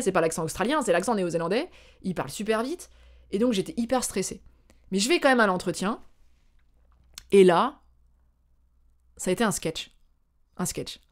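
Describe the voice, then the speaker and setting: A woman from France telling a personal story to her viewers in a casual, animated way, often pausing on filler sounds. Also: medium pitch. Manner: chatty, animated, acts out dialogue; hesitant with frequent filler sounds. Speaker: vlogger.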